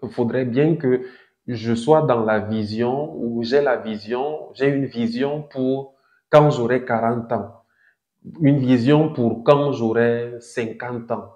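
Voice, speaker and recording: A man in his thirties giving a didactic talk as host of a crypto channel, deliberate, with emphatic rises on key points. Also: mid-range voice, a little mellow. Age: 30s. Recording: echoey room, dull lo-fi sound.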